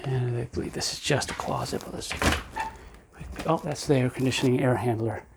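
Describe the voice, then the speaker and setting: A man's voice: mid-range voice, fairly even intonation, brisk, vocal fry, very noisy. A man walking through a house, garage and yard, giving an easygoing home tour and thinking aloud as he goes.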